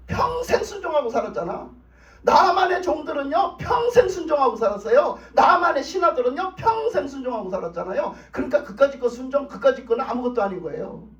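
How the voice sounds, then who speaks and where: A male pastor preaches a revival sermon with emphatic repetition in a very high, lively voice. The church sound is echoey and dull, picked up from a distance. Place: church sanctuary.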